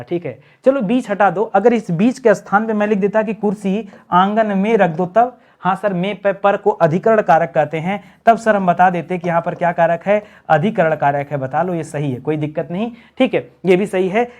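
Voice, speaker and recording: A man's voice: sits high, darkish tone. A man teaching a Hindi grammar lesson in a chatty, teasing way, asking questions and answering them himself. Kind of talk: online exam-prep lesson.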